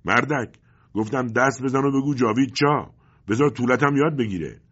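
A man voicing an angry curly-haired secret police thug who mocks and shouts. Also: rumbling low, lively intonation, husky, highs cut off, exaggerated voice. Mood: shouting mockery. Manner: mocking, shouting, menacing.

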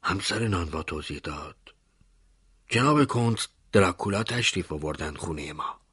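A man narrating a story in a hushed, theatrical way, often dropping to a breathy whisper. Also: sits low, expressive, no room sound, clean studio sound.

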